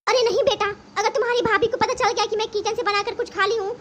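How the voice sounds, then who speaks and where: A woman voicing a frail, meek old mother-in-law in a cartoon family drama, pleading in a high, bright voice. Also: steady tone, quick pace, a little hiss or hum. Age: over 60 (figure). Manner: pleading, tearful.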